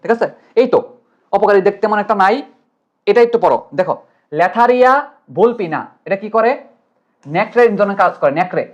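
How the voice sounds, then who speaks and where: A man's voice: sits high, animated, a little fast, pauses often. A young man teaching an online exam-prep lecture, chatty and playful, always checking "right?" and building memory tricks. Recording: dull lo-fi sound.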